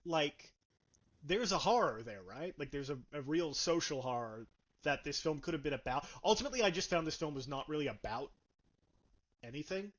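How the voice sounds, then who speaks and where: Guy ranting about a movie, sarcastic, kinda high voice, dull lo-fi audio. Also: expressive, moderate pace. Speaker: film reviewer. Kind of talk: casual film review chat.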